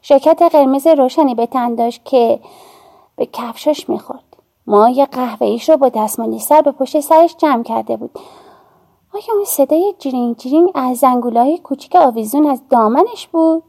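Woman narrator, audiobook, mellow dark tone, gravelly, measured, soft hushed dips. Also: sits high, expressive.

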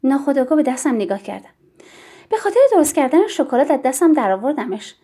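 Mellow-voiced woman narrating a story. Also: high-pitched, very animated. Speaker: audiobook narrator. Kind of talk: scripted first-person story narration.

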